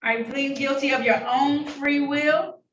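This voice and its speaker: A woman judge running formal hearings, brisk and polite, heard in a courtroom recording. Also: high-pitched, steady tone, highs cut off. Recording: echoey room heard from a distance, faint noise.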